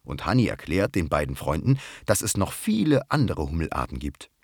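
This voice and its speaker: A man's voice: sits low, sing-song, fairly quick, a little mellow, husky, no room sound, clean studio sound. A man reading a children's story aloud as narrator.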